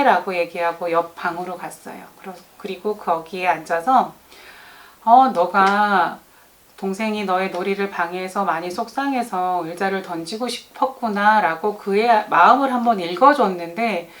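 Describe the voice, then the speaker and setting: A middle-aged woman who teaches young children speaks gently and patiently to mothers. She sits at a medium pitch and explains calmly in an advice talk. Now and then she slips into a child's or a teacher's voice to act out a scene. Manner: gentle, addresses mothers directly, acts out children's and teachers' lines.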